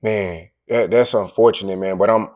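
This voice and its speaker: A man's voice: lowish voice, fairly even intonation, normal speed, a little mellow. A man interviewing a rapper in a casual, rambling way, full of fillers and restarts.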